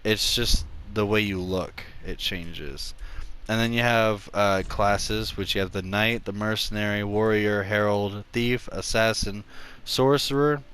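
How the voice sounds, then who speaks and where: A man's voice: lowish voice, steady tone, measured pace, a bit bright, clean tone. A man casually talking through a video game's character creation, rambling with many fillers and restarts. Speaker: gameplay tutorial narrator. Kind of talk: casual gameplay commentary.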